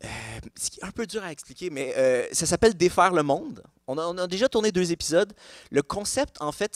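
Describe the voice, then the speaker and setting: A man's voice: mid-range voice, no room sound. Thirties Québécois male comedian guest, hesitant casual delivery, dry mic. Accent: Québécois French. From Quebec, Canada. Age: 30s. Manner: hesitant, many restarts and fillers. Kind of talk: casual live podcast interview. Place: live podcast taping before an audience.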